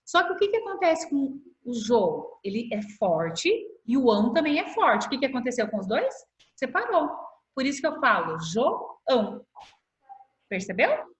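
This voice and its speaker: A middle-aged woman with a Brazilian accent, a primary school teacher giving a patient online class and slowly stretching out words to show how they split. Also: sits high, very animated. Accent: Brazilian Portuguese. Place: home room on a video call. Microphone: laptop mic on video call. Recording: echoey video-call audio.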